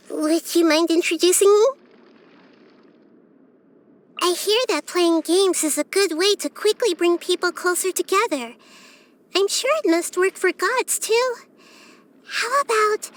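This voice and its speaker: Curious and playful this time, the fantasy game's small, wise goddess delivers her lines in a high, girlish voice. She remains gentle and thoughtful, speaking with measured earnestness and an ongoing interest in people and the world around her.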